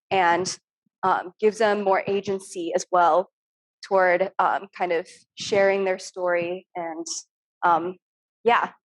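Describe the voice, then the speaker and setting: Over a video call from a room at home, a young Turkish artist talks casually and earnestly about her work, saying um often. Her voice is mid-range, and the audio quality is poor.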